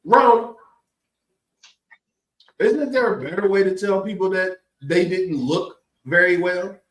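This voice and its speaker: Recorded with a distant mic in a roomy space, a male podcast host jokes his way through a casual cooking show and plugs other shows on the network. He speaks slowly in a high, slightly bright voice.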